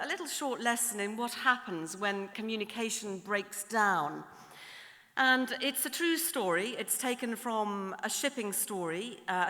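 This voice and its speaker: Bright-voiced woman addressing a big hall. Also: medium pitch. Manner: measured, rhetorical, builds lists and repetitions. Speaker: graduation ceremony speaker. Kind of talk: formal ceremonial address. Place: large ceremony hall. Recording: long hall reverb in a large hall.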